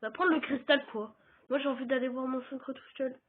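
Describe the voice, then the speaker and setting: A man with a French accent and an extremely high voice talks a little fast as he plays, casually addressing his viewers as a gaming YouTuber. The sound quality is tinny, like a phone call.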